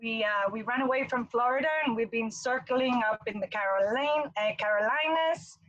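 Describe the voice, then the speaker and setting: A chatty woman with a fairly high voice tells her story on a video call. Her sound is close and dry, with no room around it. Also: normal speed, a bit bright, no room sound, dull audio. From England. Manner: chatty, storytelling, laughs often. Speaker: cruise line vice president. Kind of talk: casual video call presentation.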